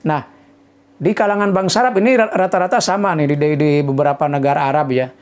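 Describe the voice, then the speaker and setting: A man from Indonesia giving a casual Arabic lesson, relaxed and chatty, slowing down to sound out example phrases. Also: on the high side. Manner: relaxed, peppers talk with "nah" and "ya", sounds out example phrases slowly. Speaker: Arabic language teacher.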